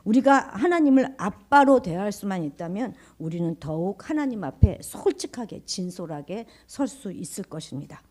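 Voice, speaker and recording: A woman pastor delivers a sermon in a very lively, sing-song voice that rises and falls widely. She moves from raised, emphatic lines to hushed whispers. She keeps turning to the congregation with questions. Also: medium pitch, normal speed, few pauses. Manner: conversational, asks the congregation questions. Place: church.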